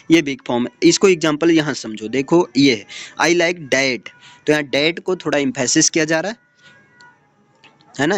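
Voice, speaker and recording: Male tutor, fairly high voice, patient slide-by-slide lecturer, dry close mic. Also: no room sound. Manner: explains step by step, checking in with "ठीक है" and "है ना". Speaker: teacher. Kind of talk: exam-prep lecture explaining slides.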